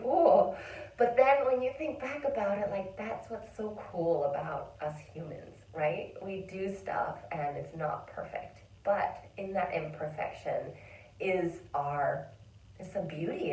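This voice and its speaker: A woman's voice: medium pitch, mellow. A woman in a reflective casual monologue, chatty and emotional, full of fillers and whispered inner thoughts. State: tearful at times. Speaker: vlogger and songwriter. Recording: roomy sound from a distance.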